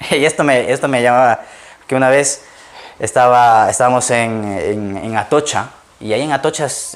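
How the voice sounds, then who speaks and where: A male pastor preaching a sermon, telling personal stories and acting out the voices of the people in them, with loud emphatic bursts. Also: medium pitch.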